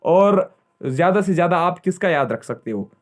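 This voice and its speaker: High-voiced man teaching a geography class. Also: lively intonation, normal speed. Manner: repetitive, checks in with "theek hai" constantly; quizzes students and answers himself. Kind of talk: exam-prep lecture.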